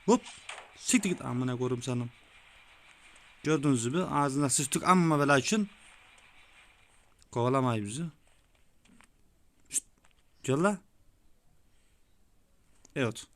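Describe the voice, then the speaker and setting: A young man giving casual, excitable gameplay commentary, swearing often and talking like a buddy, his voice a bit rough. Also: mid-range voice. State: sweaty, voice gone a bit rough. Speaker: gaming YouTuber. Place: small room with window closed.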